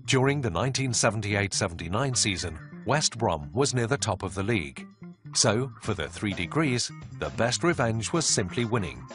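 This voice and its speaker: A man giving even, informative scripted narration for a documentary. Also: lowish voice, moderate pace, soft background music.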